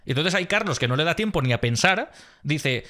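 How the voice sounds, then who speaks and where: A man's voice: on the high side, expressive, brisk, bright, forceful tone. A man hosting a post-race analysis vlog, retelling events in an emphatic, exasperated way. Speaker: motorsport vlogger.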